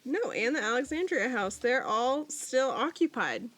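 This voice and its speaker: Lively higher-voiced woman podcaster. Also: a little slow. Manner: animated, swears casually, laughs loudly. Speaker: podcast co-host. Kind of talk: casual chat.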